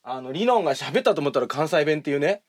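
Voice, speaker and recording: Man, fairly high voice, lively and quick, rambling cast commentary with lots of fillers. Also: no room sound. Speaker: voice actor.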